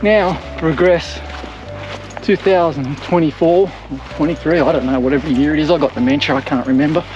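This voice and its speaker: Older Aussie bloke, high-ish voice, rambling trail-walk chatter, handheld camera outdoors. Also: male voice, brisk, a little mellow, dull audio, soft background music. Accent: Australian. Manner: chatty, rambling, self-mocking. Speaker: hiking vlogger. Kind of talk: casual walking commentary. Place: outdoors on coastal bush trail and beach. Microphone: action camera held at arm's length.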